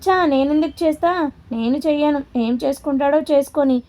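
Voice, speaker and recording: A stubborn young woman, indignant and defiant, refusing to give in, as a woman narrator puts her on. Her voice is high and mellow. She is heard in a spoken storybook. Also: normal speed, natural voice.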